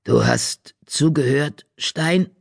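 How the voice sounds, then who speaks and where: A man puts on an ancient she-badger seer from a storybook, calm and unhurried. She drags out her words in a gravelly drawl, with jumbled word order. The sound is dry and close. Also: a little high, no room sound, exaggerated voice. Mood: stern. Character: wise old female badger seer.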